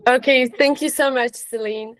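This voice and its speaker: A woman moderating a webinar over a video call, introducing speakers in a polite, brisk way. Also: high voice, steady tone, fairly bright tone, dry recording.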